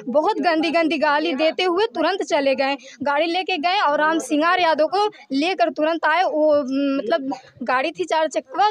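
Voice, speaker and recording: A woman, the sister of a victim, giving a long account of an attack to a reporter. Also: extremely high pitch. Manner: long breathless account, quoting threats.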